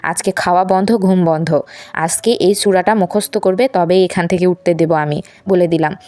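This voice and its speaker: A woman's voice: on the low side, steady tone, moderate pace, mellow, natural voice. A woman voicing a strict mother who scolds and lectures her daughters in a doll puppet show. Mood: stern.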